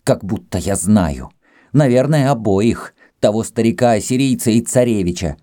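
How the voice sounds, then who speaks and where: A jealous young Greek man, seething and hurling threats in a strained, raised voice, as a male reader puts him on. The delivery swings widely in pitch, while the tone stays warm and dark in a dry, close recording for an audiobook. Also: expressive, a little slow, breathy edge, dry recording, full character voice. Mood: furious.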